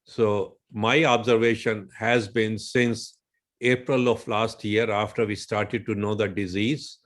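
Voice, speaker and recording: A man with an Indian English accent, a physician guest, explaining at a measured pace and citing figures. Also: lowish voice, flat delivery.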